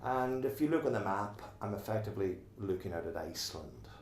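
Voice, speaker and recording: Middle-aged Donegal Irish man, low voice, earnest interviewee in an echoey room with faint hum. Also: lively intonation, a little fast. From Ireland. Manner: talkative, restarts sentences, earnest. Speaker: oral history interviewee. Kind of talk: recorded oral history interview.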